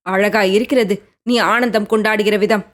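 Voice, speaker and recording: A woman voicing a gentle young prince who coaxes and pleads with the woman he loves in an audiobook. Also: medium pitch, steady tone, normal speed, natural voice. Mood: tender. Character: young prince, tender, coaxing, devoted lover. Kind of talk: audiobook character reading.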